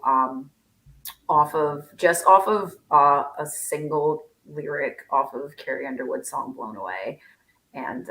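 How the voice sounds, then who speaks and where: Woman songwriter, low-key and rambly, lots of ums, video call. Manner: rambling, many ums, lower and quieter than usual. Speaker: songwriter guest. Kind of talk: casual chat on a video call.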